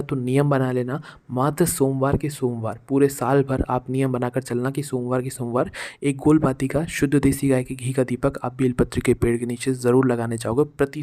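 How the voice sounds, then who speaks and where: A man with an ordinary mid-range voice talks straight to his viewers in a relaxed vlog. He gives household advice, going back over the same points again and again and calling his listeners friends. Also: mid-range voice. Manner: repetitive, addresses listeners as friends. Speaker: vlogger giving household remedies. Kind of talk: casual advice talk to viewers.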